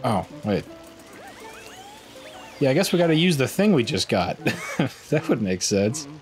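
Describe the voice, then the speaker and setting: A man hosts a let's play, giving sleepy, stoned gameplay commentary that rambles loosely and is full of swearing. His medium-pitched voice is sing-song and unhurried, with soft music in the background.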